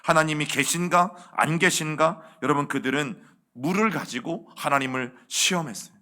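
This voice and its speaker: Korean pastor guy preaching midweek, bright forceful voice, a bit high, keeps asking the church questions and answering them. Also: normal speed. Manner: addresses the congregation as "여러분" again and again, asks questions and answers them. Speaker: senior pastor. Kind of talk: sermon. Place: church, Wednesday evening service.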